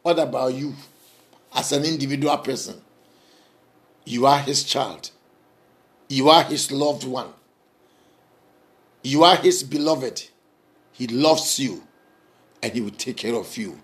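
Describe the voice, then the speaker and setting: A man preaching a sermon, emphatic and repetitive, swinging between raised passages and soft, intimate ones. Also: medium pitch, slow, long pauses.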